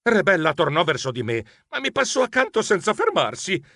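A man's voice: sits high, big pitch swings, a little fast, fairly bright tone, dry recording, clean studio sound. A man narrating a children's story in first person as an anxious, clumsy male mouse, stammering and melodramatic. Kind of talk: expressive audiobook narration.

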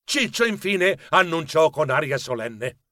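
Animated male storyteller for kids' audiobook; raised, expressive voice, dry studio read. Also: fairly high pitch, measured pace, dry recording. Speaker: audiobook narrator. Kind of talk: expressive children's audiobook narration.

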